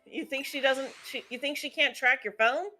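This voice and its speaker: Bright, opinionated woman chatting about games. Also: sits high, steady tone, moderate pace. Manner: opinionated, analytical, lots of "like" fillers. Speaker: channel host. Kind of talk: casual gaming chat. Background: faint background music.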